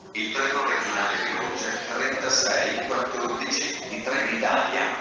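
Echoing male train station announcement. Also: fairly low pitch. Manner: formal, segmented automated delivery. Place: outdoor railway platform, over public-address speakers. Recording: echoey outdoor loudspeaker from far off, loud noise. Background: loud station ambience and vehicle noise.

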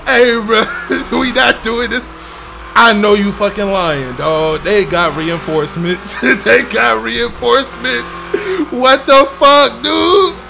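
Young male streamer, excitable swearing gameplay commentary, high gravelly voice, unhurried pace. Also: soft background music. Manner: excitable, swearing, frequent laughter. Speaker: gaming streamer.

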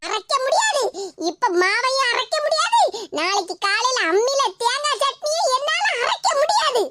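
A shrill cartoon wife. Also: sing-song, moderate pace. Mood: wailing complaint. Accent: southern Tamil Nadu. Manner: scolding, whiny, squeaky. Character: feisty older wife and mother-in-law, sharp-tongued. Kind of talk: cartoon voice acting. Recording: loud background noise.

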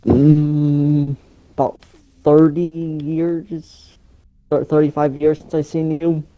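A man playing a hesitant seventy-year-old retired explorer in an improvised game role-play, talking haltingly as an old man. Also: a little high, little pitch movement, dark tone, no room sound, poor audio. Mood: hesitant, matter-of-fact.

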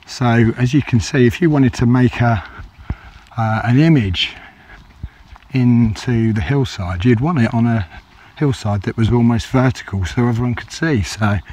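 Walking an open grassy hillside outdoors, a vlogger chats casually into the handheld camera he's carrying. His mid-range voice is slightly croaky, and his hiking commentary rambles along hesitantly with plenty of ums and fillers.

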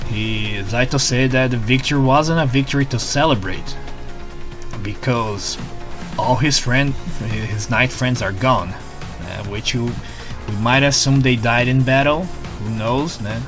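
A Brazilian man with a Brazilian Portuguese accent reviews a show in a casual, excitable way, stumbling over repeated words and ending sentences with "né?". His voice is medium-pitched and unhurried, heard over music.

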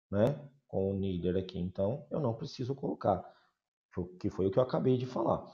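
Patient Brazilian man teaching English grammar. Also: dark tone. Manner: patient, repeats key words, checks in with "certo?" and "né?". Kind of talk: online class explaining grammar. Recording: dull low-fidelity sound.

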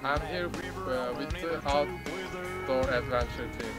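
Outdoors in a gravel field beside a truck, a young Turkish man with a Turkish accent presents a gun as a first-time shooter, speaking halting English and laughing through retakes of a gun-safety demo. His fairly high voice competes with loud music, picked up by a camera mic a few meters away.

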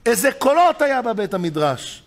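A man teaching a Torah lesson as a rabbi, with a high voice and a gravelly rasp at its edges. He tells stories with animated delivery, climbing loud and eager at the key points and sinking low and quiet between them. He acts out the voices of the people in his stories as he goes. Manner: swings between loud excited emphasis and low hushed asides.

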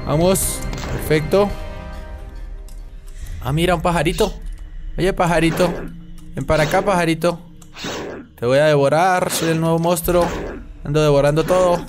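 Excitable male gamer commentating playfully. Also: a little high, normal speed, pauses often. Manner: excitable, chatters to game creatures as the hungry monster. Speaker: gaming channel host. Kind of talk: playful let's-play commentary. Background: game music.

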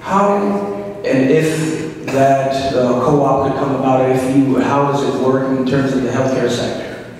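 A man's voice: medium pitch, fairly even intonation, a little slow, darkish tone, slight background noise. A man in the audience politely asking a long, rambling question on a handheld microphone in a large meeting room. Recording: echoey hall from far off.

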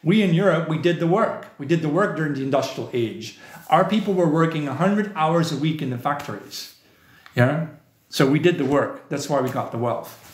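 A man from the southern Netherlands hosts a live stream, reading viewer comments and chatting in a casual, rambling, opinionated way, often adding "you know". His voice is a little high at a normal speed, in an echoey room.

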